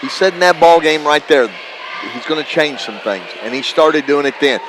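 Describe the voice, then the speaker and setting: Conversational yet emphatic, this man provides color commentary and analysis on a live basketball broadcast, speaking at an ordinary speed in a slightly high voice. Behind him, the noisy gymnasium is full of ambient sound and bouncing basketballs.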